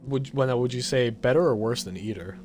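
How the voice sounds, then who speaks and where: A man's voice: mid-range voice, a little fast, darkish tone, soft background music. A man hosting a casual gaming chat, easygoing, steering the talk between friends.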